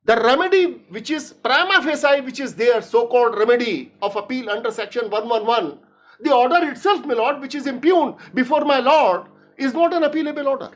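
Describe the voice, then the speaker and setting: A woman lawyer making a formal courtroom argument, reading legal text deliberately and emphatically, repeating key phrases. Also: sits high. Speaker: lawyer arguing before a judge. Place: courtroom live stream.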